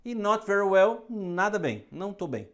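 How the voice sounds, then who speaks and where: A Brazilian woman teaches English phrases at a medium pitch, speaking each one slowly and clearly. She talks in the patient tone of a teacher drilling a class that repeats after her. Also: big pitch swings. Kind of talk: bilingual English lesson.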